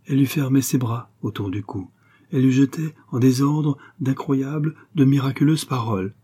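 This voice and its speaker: A man narrating a French literary story as an audiobook, in a measured, even way. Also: mid-range voice, breathy edge.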